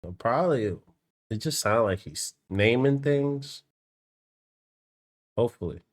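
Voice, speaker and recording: A man hosting a reaction video, chatting casually and excitably, swearing freely. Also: mid-range voice, a little slow.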